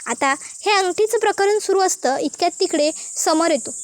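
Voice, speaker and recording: Very high-voiced woman narrating a recap. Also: moderate pace. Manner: steady retelling with frequent connectives. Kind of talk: scripted story recap narration.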